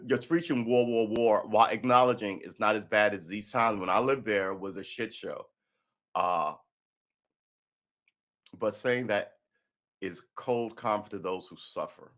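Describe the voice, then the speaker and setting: A New York City man reads an article aloud on a live stream from an indoor room by a window. His voice is low-pitched and a bit bright, and he keeps cutting in with heated, sarcastic, profane asides.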